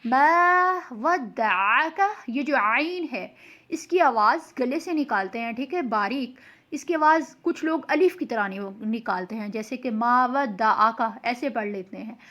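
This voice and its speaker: A young woman patiently explaining tajweed pronunciation and reciting slow examples as a Quran recitation teacher. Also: a little high, a bit bright. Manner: patient and explanatory, often checks in with "okay".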